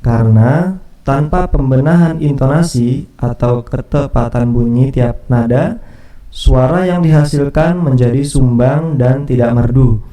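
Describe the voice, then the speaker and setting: Male teacher, mellow tone, casual lesson voice-over with fillers; roomy, off-mic recording. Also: medium pitch, measured pace, distant mic. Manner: casual explaining with fillers and restarts. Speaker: music teacher.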